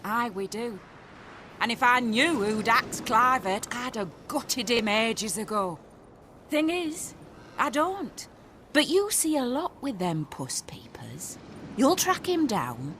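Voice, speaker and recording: Brash cocky gang leader. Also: female voice, a little high, very animated, takes it slowly, background noise. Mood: cocky, scheming. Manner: cocky, mocking. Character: brash foul-mouthed female gang leader.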